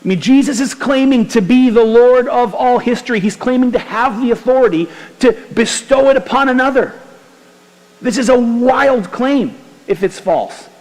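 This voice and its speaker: A man preaching a sermon as pastor, lively and conversational with casual slang. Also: extremely high pitch, moderate pace, in a large hall, poor audio. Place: church sanctuary.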